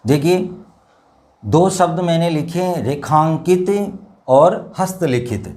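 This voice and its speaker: A man teaching a Hindi grammar lesson, explaining step by step, repeating words slowly and addressing his viewers as dear children. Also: fairly high pitch, animated, a little mellow. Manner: slow, repetitive explanation with drawn-out words. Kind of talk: classroom lesson.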